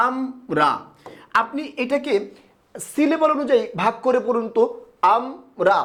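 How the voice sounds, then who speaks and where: Guy with a high voice doing a grammar class, asks stuff and answers it himself. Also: a bit bright. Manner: step-by-step, asks questions and answers them. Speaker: teacher. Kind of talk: grammar lesson to camera.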